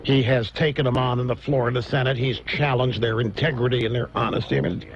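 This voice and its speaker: A man hosting a political talk radio show, delivering an animated, mocking monologue. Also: mid-range voice, fast talker. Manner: animated, mocking, mimics others in exaggerated voices. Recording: dull lo-fi radio broadcast.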